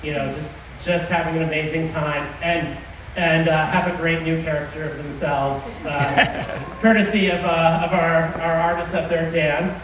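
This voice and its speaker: A man giving an informal wedding toast as the groom, speaking haltingly to his guests. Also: fairly high pitch, fairly even intonation, fairly bright tone. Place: large reverberant venue with guests. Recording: echoey hall from far off, noisy crowd.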